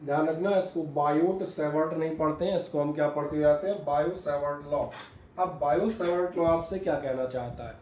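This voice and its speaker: A man's voice: on the high side, fast, hardly any pauses, warm tone. A man teaching a physics class, explaining step by step and asking and answering his own questions. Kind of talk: classroom lecture, mixing Hindi and English. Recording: echoey room with faint hum.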